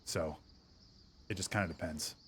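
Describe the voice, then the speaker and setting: A man streaming a golf video game, chatting casually, answering viewer chat and getting excited over good shots. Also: sits low, normal speed, noisy background. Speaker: gaming streamer. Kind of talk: casual livestream game commentary.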